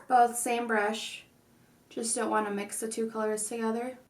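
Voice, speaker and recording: A woman's voice: a little high, level tone, moderate pace. A woman hosting a casual makeup tutorial, speaking with slightly odd, constrained articulation. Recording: echoey room, distant mic.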